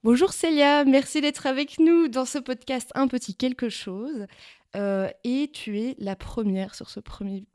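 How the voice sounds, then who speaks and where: A woman hosting a podcast and interviewing a guest, with an enthusiastic, lively manner. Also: high voice, a little slow, smooth. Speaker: podcast host.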